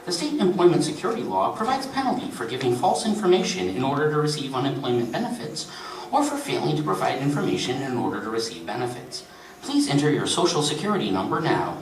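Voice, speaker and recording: A man's voice: on the high side, sing-song, fast talker, echoey room, recorded from a distance, a little hiss or hum, low-quality recording. A man voicing a prim automated telephone menu that turns needling, reading aloud to an audience. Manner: clipped menu prompts turning snide. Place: convention reading room.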